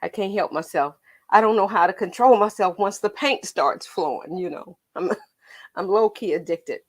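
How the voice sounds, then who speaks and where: A woman's voice: medium pitch, normal speed. An American woman with a tinny, slightly metallic voice chats casually on a painting livestream, rambling playfully to her viewers as host and art teacher.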